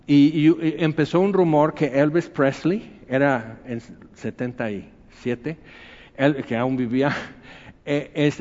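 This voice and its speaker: A man, preaching a sermon in a relaxed, conversational storytelling way. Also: mid-range voice, in a large hall, muffled recording. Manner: anecdotal, conversational storytelling with acted quotes. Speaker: pastor.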